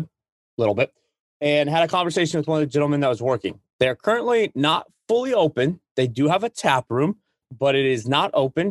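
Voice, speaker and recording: A man's voice: mid-range voice, no room sound, clean studio sound. A man co-hosting a podcast in casual conversation, enthusiastic, with playful asides to the listeners. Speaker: podcast co-host.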